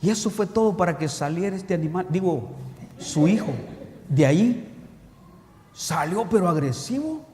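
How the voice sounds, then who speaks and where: A man delivers an animated sermon, throwing rhetorical questions at his congregation. His voice sits high for a man. The sound rings with the long reverb of a church hall. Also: normal speed, pauses often. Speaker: pastor.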